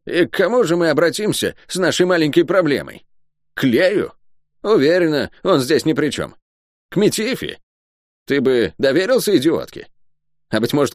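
A man's voice: a little high, no echo, clean studio sound, voice pushed up. A man voicing a scornful, menacing cursed sorceress in an audiobook. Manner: mocking, sinister.

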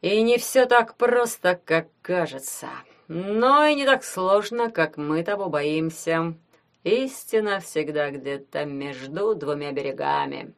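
A woman voicing a brooding young male necromancer, who speaks slowly and measuredly, as if through his teeth. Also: low voice, a little mellow, natural voice.

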